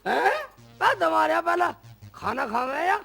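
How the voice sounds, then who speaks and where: A man's voice: lively intonation, moderate pace, creaky, pushed and bright, faint music behind, full character voice. A man playing a foolish, literal-minded young son-in-law in a comedy film, with a cheeky manner. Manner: squeaky, cheeky, takes every word literally. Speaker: comic lead.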